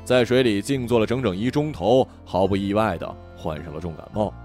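A man narrating a children's story in a gentle, expressive scripted reading. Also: fairly low pitch, a little fast. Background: soft music.

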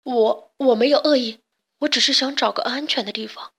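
A woman's voice: high voice, normal speed, husky. A woman voicing a frightened, lost old father, trembling and pleading. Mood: scared.

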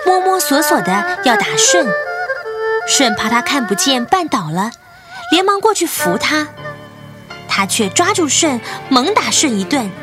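A woman narrating a children's history story in an expressive, clear way. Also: sits high, a little slow, over loud music. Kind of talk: scripted storytelling.

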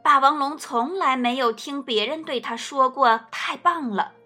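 A woman reading a picture book aloud as a storyteller, gentle and expressive. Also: high voice, normal speed, soft background music.

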